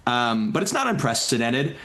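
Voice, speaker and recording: A young American man appears as a talk show guest, chatting casually in an easygoing, jokey way. His mid-range voice is a bit bright, with big pitch swings at a moderate pace.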